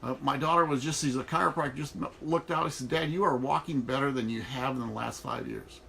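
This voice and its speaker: A man's voice: medium pitch, fairly quick, creaky, pushed and bright. A middle-aged man talking casually and emphatically in a folksy, motivational vlog, recorded inside an RV trailer. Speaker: online network marketer. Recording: noticeable background noise in a trailer.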